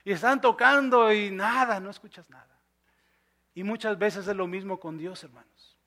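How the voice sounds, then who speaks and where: A male pastor preaching a sermon, dropping to soft near-whispers and then rising to loud, emphatic lines. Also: high-pitched, moderate pace. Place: church.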